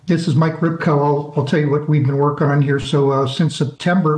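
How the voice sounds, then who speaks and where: A man's voice: a little high, a little mellow. Man presenting on an echoey video call. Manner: plain-spoken, many fillers. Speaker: economic recovery coordinator. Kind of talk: virtual meeting presentation. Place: home or office on a video call.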